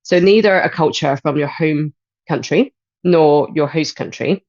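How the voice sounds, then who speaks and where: A woman in her thirties from Hong Kong, a life and transition coach speaking as a podcast guest in a thoughtful, measured way with frequent pauses. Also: low voice, darkish tone, dry recording, dull audio. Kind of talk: podcast interview.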